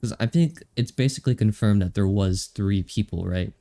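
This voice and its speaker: Over soft game music, a young male game streamer gives casual livestream commentary, rambling and thinking aloud in slangy speech. His voice is lowish and his speed normal.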